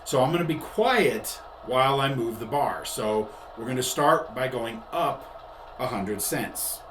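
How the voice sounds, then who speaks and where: In an echoey room with faint background noise, a man hosts a product tutorial, speaking in a conversational, explanatory style and often rephrasing. His medium-pitched voice is animated but unhurried.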